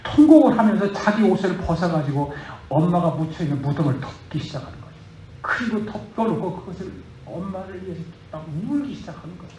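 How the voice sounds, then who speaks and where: A man's voice: high-pitched, expressive, brisk, mellow, a little hiss or hum. A male pastor preaching a sermon, telling a story and then urging his listeners with rising fervor. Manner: rising to fervent, urgent exhortation. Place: church. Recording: roomy church hall.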